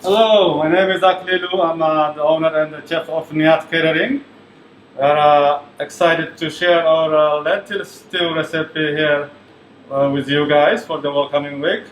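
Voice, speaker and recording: A man from Ethiopia, a chef, explaining a recipe with a hesitant manner and many pauses. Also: on the high side, fairly even intonation. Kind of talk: cooking demonstration. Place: kitchen. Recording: echoey kitchen, faint background noise.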